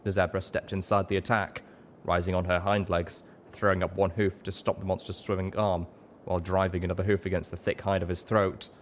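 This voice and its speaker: A man with a low, level voice tells a story at a slightly fast pace, his delivery dramatic and scripted like an audiobook. Noticeable background noise runs behind him in the recording.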